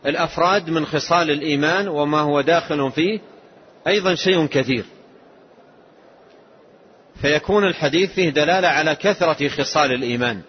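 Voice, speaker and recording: A man giving a slow, measured religious lesson, explaining a text line by line. His voice is husky. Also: a little high, slight background noise. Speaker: Islamic scholar. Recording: dull lo-fi lesson tape.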